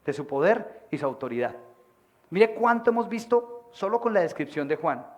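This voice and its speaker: Man, lively sermon delivery, projected voice, higher pitched, church meeting. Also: normal speed, lo-fi sound. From Colombia. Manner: animated, acts out voices of people in stories; projects his voice from the diaphragm. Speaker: pastor.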